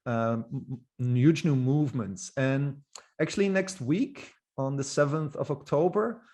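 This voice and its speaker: A man presents as a guest speaker at a middle pitch. He sounds eager and informal. He sometimes trips over a word and starts again. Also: measured pace, darkish tone. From Netherlands. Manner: enthusiastic, informal, occasional restarts. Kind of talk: presentation talk.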